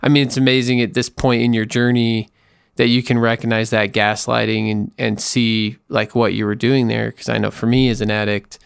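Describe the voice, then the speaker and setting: A man's voice: medium pitch, flat delivery, normal speed, gravelly, smooth, dry recording, clean studio sound. A man hosting a podcast, talking candidly and animatedly in a casual chat. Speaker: podcast host.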